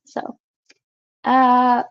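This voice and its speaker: A woman's voice: a little high, completely flat delivery, extremely slow, creaky, clean tone, highs cut off. A woman in her late twenties from Finland, introducing herself as the instructor of an online class in a casual, chatty way with many filler sounds. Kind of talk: casual classroom introduction over video call. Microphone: computer mic on a video call.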